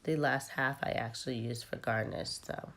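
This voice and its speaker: Woman, low voice, tired with a cold, chatty cooking narration, lots of ums. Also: normal speed, creaky. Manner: relaxed, chatty with frequent ums. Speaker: cooking vlogger.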